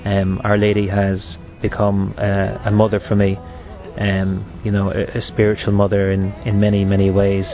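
Irish guy from the west, 30s, west of ireland accent, halting testimony about his faith, really monotone, bit muffled w quiet music under. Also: on the low side. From Galway, west of Ireland. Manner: halting, reflective delivery. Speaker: seminarian giving a personal testimony.

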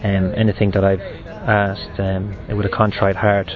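A man in his thirties with a west of Ireland accent gives a reflective faith testimony. His voice is lowish and very monotone, and he speaks haltingly. The recording is slightly dull, with faint music behind him. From Galway, west of Ireland. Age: 30s. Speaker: seminarian giving a personal testimony.

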